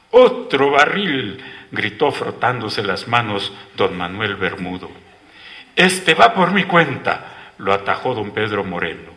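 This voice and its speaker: A man narrating a literary story in a slow, measured reading. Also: fairly low pitch, bright, forceful tone.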